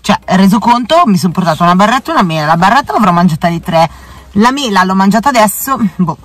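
A woman's voice: mid-range voice, animated, fast, fairly bright tone. A woman in her thirties with an Italian accent, vlogging casually into a phone held at arm's length, chatty and self-mocking with sudden exclamations. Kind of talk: casual daily vlog. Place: home rooms, a car, a bathroom. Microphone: handheld camera or phone at arm's length.

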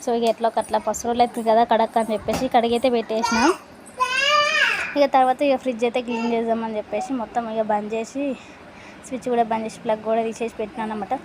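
Brief: housewife vlogger, brisk high-voiced running commentary, recorded at home with audible room noise. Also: female voice, little pitch movement. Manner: chatty, running commentary on chores. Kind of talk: casual home vlog chat. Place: at home indoors.

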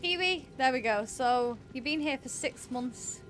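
Woman gamer, high voice, chatty live-stream host, game music underneath. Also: animated, unhurried, a bit bright. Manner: chatty, thanks viewers, shrieks when scared. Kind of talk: live gameplay chat.

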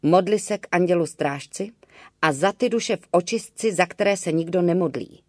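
A woman's voice: fairly low pitch, darkish tone, no echo, clean studio sound, pitched above the performer's own voice, natural voice. A woman voicing a stern old village wise-woman who speaks in a firm, scolding yet reassuring way.

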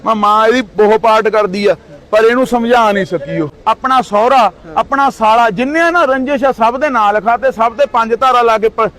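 A man's voice: very high voice, normal speed, a bit bright. A man in his thirties from Punjab, India, speaking in a heated street interview with indignant, accusing outbursts.

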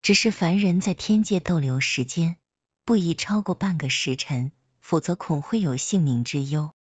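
A woman reading a story aloud, voicing a gentle, courteous celestial maiden who speaks softly and formally. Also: low-pitched, moderate pace, breathy edge, no room sound. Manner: soft-spoken, formal.

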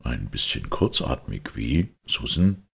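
A calm, cutting detective, played by a male reader, low and deliberate. His very deep voice is gravelly and raspy, almost growling his questions, in a storybook reading. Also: exaggerated voice. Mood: coolly menacing. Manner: slow, low, menacing calm.

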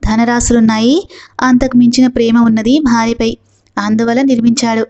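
A woman reading the part of a lively, sharp-tongued young woman with a sarcastic edge, in a dull lo-fi recording. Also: fairly high pitch, moderate pace, natural voice. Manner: eager, then sarcastic and impatient.

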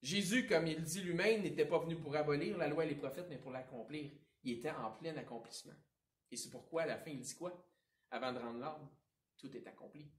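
A man with a Quebec French accent preaching a sermon as pastor, with a conversational style, informal asides and big swings between loud and quiet. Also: a little high, a little fast. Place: church sanctuary. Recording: roomy echo, voice picked up from a distance.

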